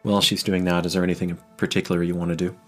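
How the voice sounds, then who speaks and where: A man narrating a tabletop game as game master, describing the scene vividly and with pauses, with faint music underneath. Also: deep voice, level tone, a bit bright.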